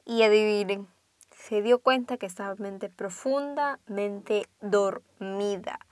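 A young woman, casually telling a ghost story and dropping to hushed tones for suspense. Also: medium pitch, takes it slowly, no room sound.

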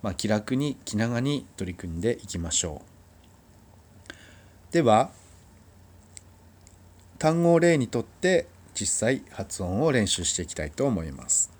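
A man's voice: on the low side, sing-song, measured pace, long pauses, a little mellow. A man teaching a language lesson, explaining patiently and drilling sounds for listeners to repeat. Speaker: Spanish teacher.

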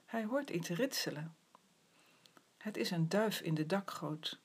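A woman reading a children's story aloud in an expressive storybook manner. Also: fairly low pitch, husky. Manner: expressive, slow storybook delivery. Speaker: reader.

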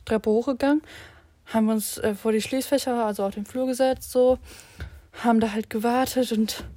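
Chatty teenage girl with a higher, mellow voice. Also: fairly even intonation, moderate pace, dry recording. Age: teens. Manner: chatty, slangy, mixes in English words. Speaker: vlogger. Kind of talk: casual rambling monologue.

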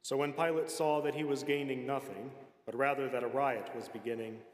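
Guy reading scripture slow and solemn, mid voice, big church with lots of echo. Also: medium pitch, steady tone. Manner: measured, unhurried reading. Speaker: scripture reader. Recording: echoey hall with long reverb.

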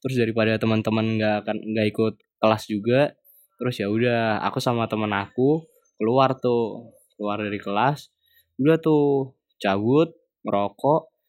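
A man's voice: moderate pace, pauses often, dry recording, clean studio sound. Young man telling a story casually. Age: young adult. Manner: relaxed, chatty, drops to low muttered asides. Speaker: university student.

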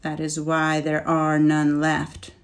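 A woman voicing a proud, scornful male dragon, speaking slowly and forcefully with contempt. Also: sits low, monotone. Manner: slow, forceful, contemptuous delivery. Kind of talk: storybook reading.

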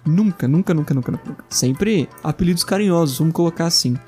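A man with a Brazilian accent, co-hosting a podcast and telling stories in an animated way, laughing often. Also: a little high, fast, faint music behind. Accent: Brazilian Portuguese. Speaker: podcast co-host. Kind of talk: casual chat.

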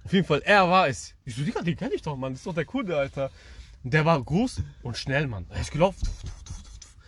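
This young man, co-hosting a podcast, has a voice on the high side and a quick delivery, with a little hiss or hum in the recording. He narrates a story in casual slang, lively and animated, doing voices for the people involved.

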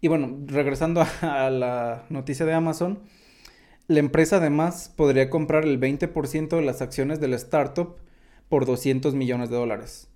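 A man's voice: fairly high pitch, fairly even intonation, moderate pace, a little mellow. A man with a Mexican accent, chatting casually through tech news and drifting into asides. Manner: chatty, digressive, many fillers like "o sea".

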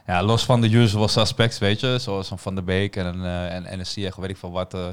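Laid-back young man, smooth voice. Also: deep voice, fairly quick. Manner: relaxed, slangy, peppered with "nice" and "man". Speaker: podcast host. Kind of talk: casual football podcast chat.

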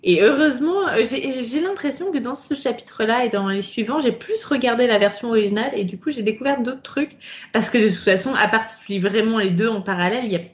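A woman co-hosting a casual podcast, chatting in a lively way and laughing often between her points. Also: fairly high pitch, fast talker. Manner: lively, laughs often, many fillers and asides. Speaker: podcast co-host. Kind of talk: casual chat about a book chapter.

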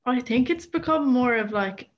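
A woman's voice: on the high side, animated, normal speed, highs cut off. A twenty-year-old woman from County Clare with an Irish accent, chatting casually as a podcast guest. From County Clare, Ireland. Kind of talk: casual interview chat.

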